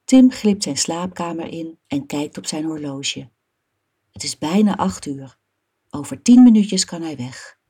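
A woman reading a children's story aloud as narrator, soft and even. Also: low-pitched, measured pace, slightly rough.

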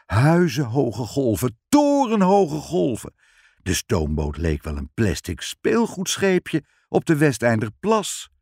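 Slow, expressive male storyteller. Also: mid-range voice, gravelly, no echo, studio quality. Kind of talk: read-aloud children's story.

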